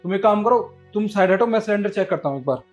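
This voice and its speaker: A man plays an angry husband confronting his cheating wife in a home drama. His voice sits high and his lines come out indignant and accusing. Faint music plays behind him. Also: animated, rapid-fire, dull audio. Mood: suspicious. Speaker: actor in a short film. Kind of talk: melodramatic short-film acting.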